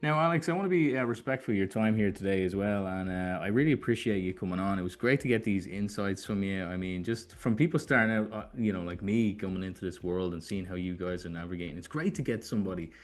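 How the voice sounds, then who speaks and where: A podcast host with a low-pitched voice talks fast and rarely pauses. He chats casually in this interview, making his points in an informal, rambling way.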